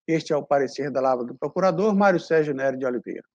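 Higher-voiced man reading a legal opinion. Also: quick pace, a little mellow, lo-fi sound. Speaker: public prosecutor. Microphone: video call.

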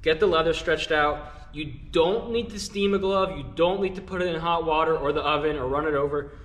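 In a brisk, somewhat high voice, a breathless young man chats to camera for his glove channel vlog, demonstrating how to do something. He keeps it casual and instructive and calls his viewers "guys."

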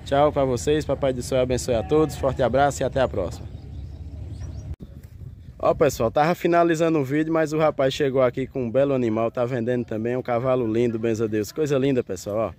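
A Pernambuco man with a Northeastern Brazilian accent vlogs from a livestock fair, filming outdoors on a handheld phone behind the camera. His mid-range, a little mellow voice moves a little fast with fairly even intonation, giving chatty, folksy commentary with greetings and repeated phrases. There's slight background noise.

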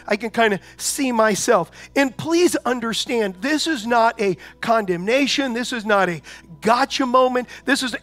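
A man preaching as a pastor, talking conversationally with repeated rhetorical questions and building to loud proclamations. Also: extremely high pitch. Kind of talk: sermon.

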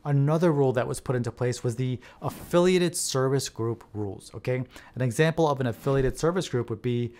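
A man in his thirties, an accountant, explaining retirement plan rules straight to camera from a small office, measured, often checking in with "okay?". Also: mid-range voice, a little mellow. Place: small home office, indoors.

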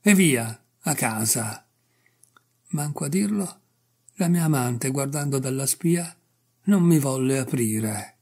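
A man reading a short story aloud in an expressive, measured storytelling manner, with a husky, gravelly voice. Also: medium pitch. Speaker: audiobook reader.

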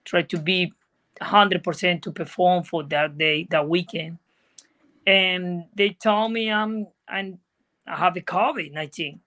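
A high-pitched, sharp-toned voice, unhurried in delivery, belongs to a middle-aged Venezuelan man with a Venezuelan Spanish accent. A native Spanish speaker, he is a guest jockey calling in from an indoor room on a laptop video call, speaking earnestly in plain English.

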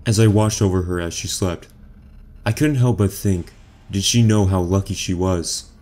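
A man narrating a horror story in the first person, quiet, measured and menacing. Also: sits low.

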